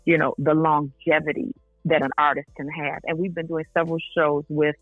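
A woman's voice: low-pitched, level tone, fairly quick, no room sound, faint music behind. A woman singer speaking as an interview guest, earnest and enthusiastic. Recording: tinny phone line.

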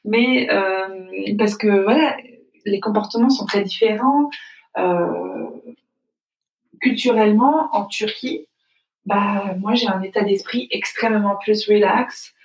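A Frenchwoman with a medium-pitched voice takes her time answering in a casual conversational interview. She sounds thoughtful and uses many hesitant fillers, while the echoey room and distant mic give the audio a faraway feel.

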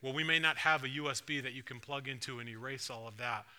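A man's voice: medium pitch, fast talker, pushed and bright, clean tone. A man pastor preaching a sermon in a church, talking conversationally and putting questions to the congregation. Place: church sanctuary.

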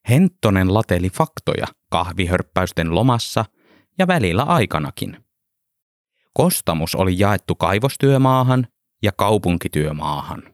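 A man reading a story aloud in calm, measured narration. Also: deep voice, dry recording, studio quality. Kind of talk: audiobook narration.

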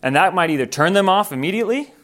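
A man's voice: high voice, lively intonation, quick pace, fairly bright tone. Earnest man teaching missionaries. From Thailand. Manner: earnest, informal, self-correcting. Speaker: missionary trainer. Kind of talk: conversational training talk.

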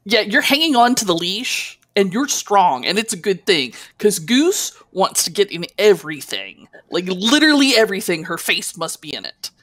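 A woman narrating a tabletop game as game master, chatty and animated, with playful asides. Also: mid-range voice, moderate pace, few pauses.

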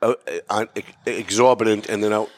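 A man's voice: lowish voice, level tone, a little fast. A man in his fifties hosting a casual interview, asking long rambling questions and joking about himself. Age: 50s. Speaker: host.

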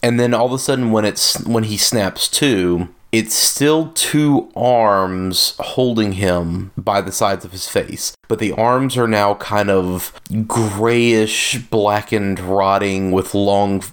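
A man with a low voice describes a film scene slowly and in detail, in plain casual podcast talk. He often stops to search for the right words. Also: clear, resonant tone. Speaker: podcast co-host. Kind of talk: casual movie discussion.

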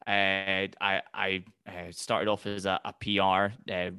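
A man with a Highland Scottish accent tells his own story conversationally, as a guest in an interview. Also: flat delivery, slow, sharp tone, clear, resonant tone, no echo, clean studio sound. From Highlands of Scotland. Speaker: podcast guest, entrepreneur.

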